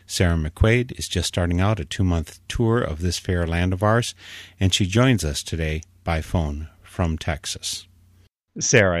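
Deep-voiced male radio host, dry sound. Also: no echo. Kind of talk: radio interview.

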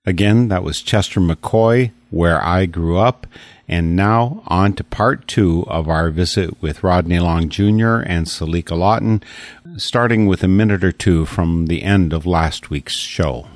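Low-voiced older male radio host. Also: unhurried, no room sound. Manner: thoughtful, searching, restarts mid-thought. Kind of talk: reflective radio talk.

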